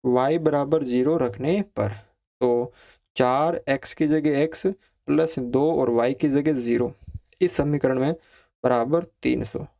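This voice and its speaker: A man teaching a maths lesson, explaining each step slowly, counting values aloud and checking in with his students. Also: medium pitch, vocal fry, dark tone. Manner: asks students questions, repeats phrases like ठीक है.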